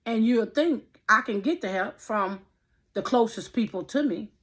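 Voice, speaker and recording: A woman's voice: on the high side, animated, a little slow, a bit bright, breathy edge. A woman in her fifties giving an impassioned personal faith testimony, repeating her phrases in a preacherly way. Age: 50s. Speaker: vlogger.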